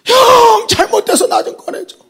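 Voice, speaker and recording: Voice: very high-pitched, lively intonation, normal speed, gravelly, a bit bright, voice pushed up, exaggerated voice. A preacher acting out a young man who begs desperately through tears, repeating his pleas. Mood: tearful pleading. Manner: crying, begging, repeating pleas.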